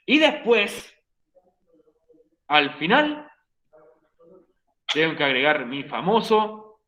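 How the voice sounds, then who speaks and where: A man's voice: sits high, sharp tone. A man teaching an English grammar class online, playful and joking with his students while repeating key points. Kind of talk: online class explanation in Spanish. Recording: roomy, dull lo-fi stream audio.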